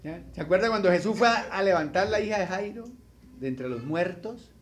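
A man preaching a sermon as a pastor, speaking to his listeners directly, repeating his points and swinging from loud bursts to quiet asides. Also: high-pitched, expressive, fairly quick, a little hiss or hum. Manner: repetitive, addresses listeners directly as brother.

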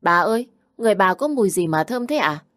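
Woman doing a sweet little boy, high and chirpy. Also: expressive, fast, dry recording, clean studio sound, close to an everyday voice. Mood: sweet, curious. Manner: chirpy and polite, tearful when upset.

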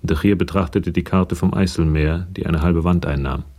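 A radio crime play is narrated by a man with a very low, mellow voice carrying a gravelly creak. He tells the scripted literary story in a steady tone at normal speed.

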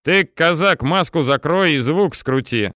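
A man voicing a gruff, irritable middle-aged tank commander who shouts orders. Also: a little high, animated, a little slow, no room sound, studio quality, voice pushed up.

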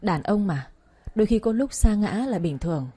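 A woman voicing a proud young wife betrayed by her husband, speaking with sharp, cutting accusations. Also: mid-range voice, expressive, normal speed, husky. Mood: coldly controlled.

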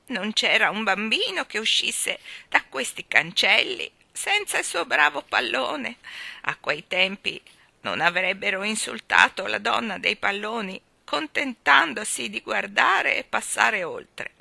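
A woman's voice: mid-range voice, very animated, gravelly, dry recording, pitched above the performer's own voice, heavily acted. A woman reading aloud and voicing a fond, trembling old woman who sells balloons, stretching her words in a sing-song way. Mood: doting, wistful. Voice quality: quavering, tremulous voice. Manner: drawn-out, sing-song, loud endearments.

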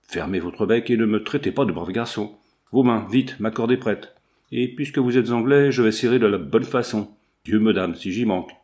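A man voicing a brutal, sneering renegade bandit in an audiobook, gruff and gloating, his voice dropping lower. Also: moderate pace, a little mellow, natural voice. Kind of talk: audiobook character voice.

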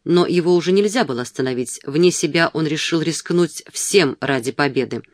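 A man's voice: a little high, normal speed, dry recording, clean studio sound. Man narrating a classic novel. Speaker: audiobook reader. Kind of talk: literary audiobook narration.

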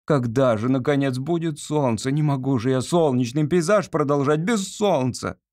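A man's voice: medium pitch, moderate pace, a little mellow, no room sound, clean studio sound, natural voice. A man doing a peevish, worn-out painter. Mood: irritated. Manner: peevish, exasperated, through clenched teeth. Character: irritable, worn-out male landscape painter.

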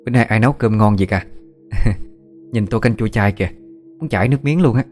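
A bustling, talkative middle-aged woman who rattles on quickly, as a male storyteller puts her on. She sounds eager and chatty, with faint music behind her. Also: fairly low pitch, a little mellow, natural voice.

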